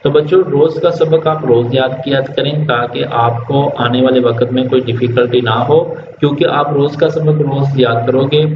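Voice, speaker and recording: A man teaching children Quran reading in Urdu, who draws out each word slowly as he models recitation and then explains quickly, with a Pakistani Urdu accent. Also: mid-range voice. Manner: stretches words slowly when modeling recitation; explains quickly in between examples. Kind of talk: online tajweed lesson for children. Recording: dull, echoey, noisy room.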